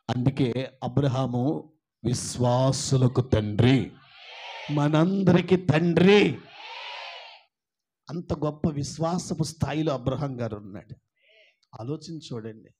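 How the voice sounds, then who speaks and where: Preaching a sermon in an Andhra Telugu accent, a male pastor with a husky, mid-range voice moves from quiet asides to loud, forceful shouting. He poses questions to the congregation and raises his voice to act out mocking relatives.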